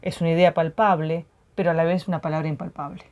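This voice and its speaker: A woman, co-hosting a poetry program, reading poems aloud and discussing them in a measured, reflective way. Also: sits low, level tone, darkish tone. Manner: reflective, measured, frequent tag questions.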